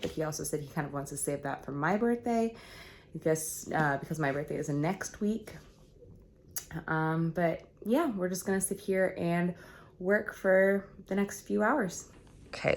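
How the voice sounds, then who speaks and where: A woman's voice: lowish voice, slight background noise. A young woman vlogging casually at home, chatty and laughing often. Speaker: travel vlogger. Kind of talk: casual vlog chat. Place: rented flat indoors.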